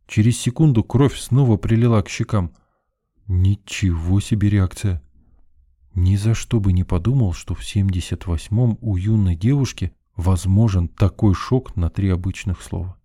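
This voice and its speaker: A male audiobook narrator with a low, very dark and mellow voice. He reads first-person prose in an even, measured way. The recording is dry and close, with no room sound. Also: no echo.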